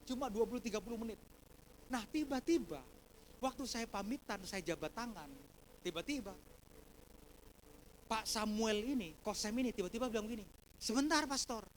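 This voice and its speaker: A man preaching in a church, animated and chatty, acting out dialogue and constantly addressing the congregation. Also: sits high, moderate pace, pauses often, a little hiss or hum. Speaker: pastor. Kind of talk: storytelling sermon. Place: church hall.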